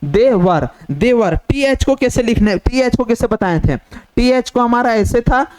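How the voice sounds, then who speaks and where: A man teaches at a steady, patient pace, walking through each point and repeating it. His voice sits high for a man and comes through smooth and clear. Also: unhurried. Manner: repetitive, step-by-step explaining, mixing English terms into Hindi. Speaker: shorthand teacher. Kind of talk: whiteboard tutorial.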